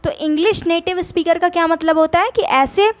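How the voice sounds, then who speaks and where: Young woman teaching english words in hindi, pretty high voice, goes over stuff again and again so you get it. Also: a little fast. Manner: patient, repeats and rephrases for learners. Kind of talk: explaining vocabulary in Hindi with English examples.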